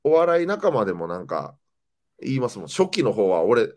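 Young man, comedian chatting casually, very lively up-and-down voice, middle pitch, animated storytelling. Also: a little fast. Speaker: comedian and podcast host. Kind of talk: casual chat.

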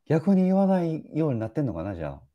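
A man's voice: fairly high pitch, sing-song, fast talker, muffled recording. A man chatting casually as co-host, agreeing often and adding short questions. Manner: frequent eager backchannel agreement. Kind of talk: casual chat.

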